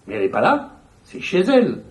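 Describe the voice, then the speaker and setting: A stubborn old lady refuses to budge, insisting in a higher, fussy voice, as a man voices her in his reading. She sounds confused but firm. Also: huge pitch swings, brisk, poor audio.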